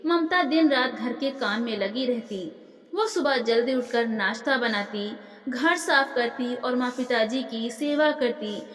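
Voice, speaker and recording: A woman narrating a family story in the first person, in an earnest and steady tone. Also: on the high side, unhurried. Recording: roomy echo with long reverb.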